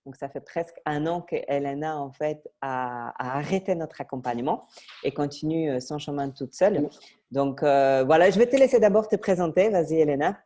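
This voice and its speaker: A woman's voice: deep voice, moderate pace, mellow. A woman fitness coach interviewing a client, hesitant and full of fillers.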